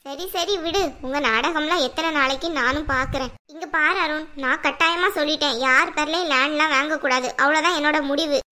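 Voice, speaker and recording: Cartoon part: bossy mother-in-law, scolding and commanding, bright and high, a woman voices her. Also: steady tone, brisk, hardly any pauses. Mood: accusing. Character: stern older mother-in-law, domineering. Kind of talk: cartoon voice acting.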